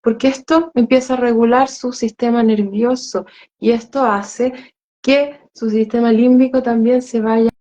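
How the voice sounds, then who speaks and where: A woman speaks earnestly, explaining her point in a conversation. Her voice is fairly high. The recording sounds muffled and lo-fi. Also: steady tone, unhurried, warm tone.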